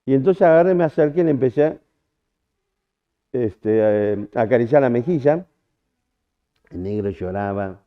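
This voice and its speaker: A man's voice: medium pitch, expressive, moderate pace, pauses often. A man with an Argentine accent preaching at a church camp, telling a personal story in a chatty way, full of restarts and acted-out quotes. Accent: Argentine Spanish. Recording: tinny phone-like audio.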